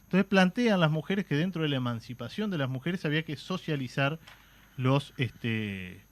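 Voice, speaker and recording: A man's voice: a little high, lively intonation, moderate pace. A man with a Uruguayan Spanish accent talking on a radio show. He explains things patiently, often stopping with "este" and "eh" before going on. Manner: explanatory, fillers like "este" and "eh", frequent restarts. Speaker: radio guest explaining history. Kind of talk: radio talk show chat. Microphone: studio microphone.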